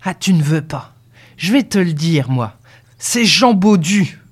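A reader playing a gruff bullying old farmer. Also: medium pitch, lively intonation, normal speed, natural voice. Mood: angry. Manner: gruff, hectoring, insulting. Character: stubborn, bullying older male farmer.

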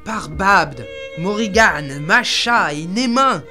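A woman's voice: medium pitch, measured pace, music in the background, voice pushed up, natural voice. A woman voicing a wounded barbarian king who growls and curses in anger, in an audiobook reading. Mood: furious. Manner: growling, cursing. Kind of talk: audiobook character voice.

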